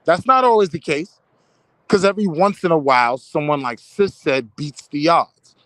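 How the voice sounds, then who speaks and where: A man's voice: fairly high pitch, normal speed, a bit bright, dry recording. An American man in a casual debate, explaining his points emphatically and with slang. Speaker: panel discussion participant.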